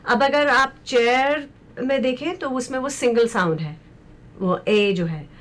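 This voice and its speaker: A woman teaching as a special education expert, speaking in a slow, deliberate way and mixing Hindi with English. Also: high-pitched, a bit bright. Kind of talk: explanatory lecture discussion.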